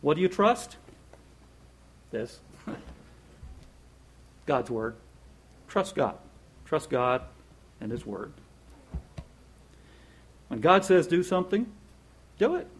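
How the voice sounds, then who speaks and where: A man giving a conversational devotional Bible talk, reading scripture slowly and chatting in a folksy way with chuckles between points. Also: on the high side, big pitch swings, slightly rough. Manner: reads scripture slowly and deliberately. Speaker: Bible teacher.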